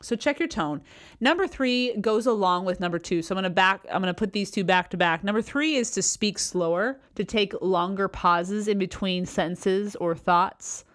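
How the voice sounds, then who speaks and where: A woman hosting a solo advice podcast, talking earnestly and explaining step by step, often repeating key phrases and speeding up when excited. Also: mid-range voice. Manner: speaks quickly when excited. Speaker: podcast host.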